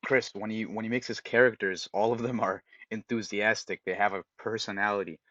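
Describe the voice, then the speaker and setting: A man with a low voice co-hosts a casual podcast and gives eager, direct advice. The audio is dry and dull, like a lo-fi call. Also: a little fast, no room sound. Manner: animated, giving direct advice, acts out example voices. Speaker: podcast co-host.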